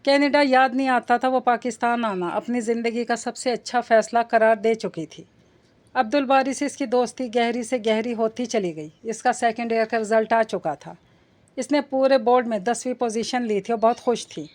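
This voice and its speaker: Woman, narrator, audiobook reading, romance novel, steady, fairly high voice. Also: normal speed.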